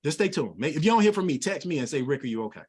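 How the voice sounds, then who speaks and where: A middle-aged man runs a group sales training over a video call, his voice sitting a little high for a man. He talks in an animated, folksy way, racing along with colloquial asides, and the audio comes through as a video-call mic. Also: racing, husky.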